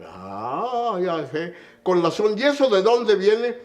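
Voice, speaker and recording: A man's voice: high voice, big pitch swings, takes it slowly. An older man with a Mexican accent, a conductor telling stories and lecturing in an emphatic way, often checking in with a short "mm?". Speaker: conductor and musician. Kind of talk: anecdotal storytelling in an interview.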